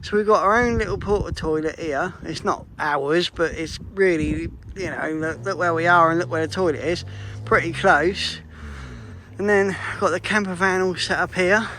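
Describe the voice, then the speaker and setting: A man's voice: sits high, steady tone, moderate pace, pushed and bright, slight background noise. A man vlogging outdoors beside a fishing lake, chatting casually and breaking off mid-sentence. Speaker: vlogger, angler. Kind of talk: casual vlog chat.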